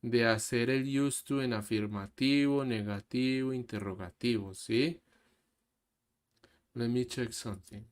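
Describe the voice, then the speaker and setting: Male English teacher, measured and unhurried, switching languages as he explains. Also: mid-range voice, steady tone. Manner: explains slowly, switching between Spanish and English. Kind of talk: online English lesson. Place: online class over a video call. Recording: faint background music. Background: soft background music.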